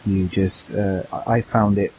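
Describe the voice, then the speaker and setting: A man co-hosting a casual gaming podcast, talking haltingly and restarting his sentences as he thinks. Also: deep voice, little pitch movement, a little mellow, a little hiss or hum, low-quality recording. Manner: hesitant, restarts and repeats words while thinking. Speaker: podcast co-host.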